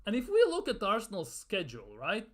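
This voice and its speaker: Exasperated sarcastic man, lively pitch. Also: fairly quick. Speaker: football fan vlogger. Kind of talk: ranting fan commentary.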